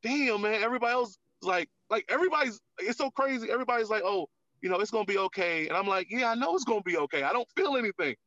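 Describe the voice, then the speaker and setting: Man, comedian guest, candid rambling chat, sharp tone, dry lo-fi sound. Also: high voice, lively intonation, fast, no room sound. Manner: rambling, heavy on filler words, candid. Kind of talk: casual podcast chat.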